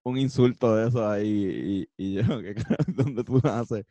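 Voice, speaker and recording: A man's voice: fairly low pitch, moderate pace, warm tone, no room sound, highs cut off. A man in his twenties with a Puerto Rican accent, co-hosting a casual podcast and joking around with slang. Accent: Puerto Rican Spanish. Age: 20s. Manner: joking, slangy, imitates voices. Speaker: podcast co-host. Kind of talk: casual chat.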